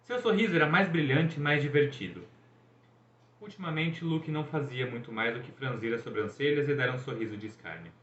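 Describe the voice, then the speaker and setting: A man reading a novel aloud in an expressive storytelling manner. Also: mid-range voice, brisk. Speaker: reader. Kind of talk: audiobook reading. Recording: echoey, dull room recording.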